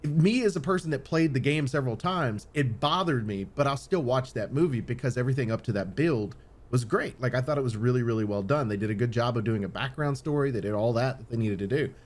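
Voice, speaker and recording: This podcast host is a man with a mid-range voice who talks quickly. He chats casually and opinionatedly, rambling, circling back over his points, and swearing offhandedly.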